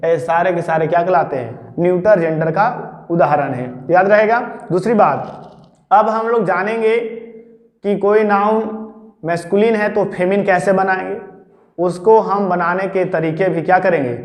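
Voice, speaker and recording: Male teacher, high voice, quizzes himself aloud, long reverb. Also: a little slow. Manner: poses rhetorical questions and answers them himself; addresses listeners familiarly as "babu". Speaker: English grammar teacher. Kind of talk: explanatory classroom lecture. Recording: echoey room with long reverb.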